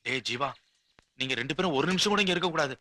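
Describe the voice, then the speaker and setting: An actor playing a scared young friend who urges a couple to flee, speaking low and urgently over film music. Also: male voice, animated, fast talker. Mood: hushed fearful. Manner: hushed, worried, urgent. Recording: film soundtrack with loud music.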